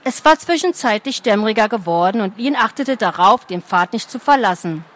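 A woman reading a fantasy story aloud at a steady, expressive pace. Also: mid-range voice, fairly quick. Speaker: narrator.

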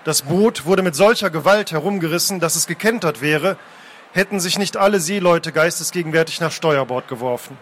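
A man reading fantasy adventure prose aloud, taking turns with a second reader and shouting out the characters' cries. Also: on the high side, fairly quick, slight background noise. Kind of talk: dramatic book reading, alternating narration.

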